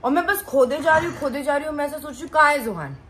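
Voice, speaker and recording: A woman, a mother on a home vlog, who talks in a soft, halting and hesitant way. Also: sits high, a little hiss or hum. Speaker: vlogger co-host, mother. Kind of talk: casual conversation on a vlog.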